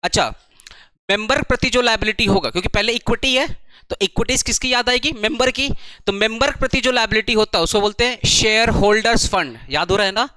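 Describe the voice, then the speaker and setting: Brisk high-voiced male commerce tutor. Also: pushed and bright, dry recording. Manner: brisk, urges students to write fast, repeats terms. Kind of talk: classroom lecture. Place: coaching classroom.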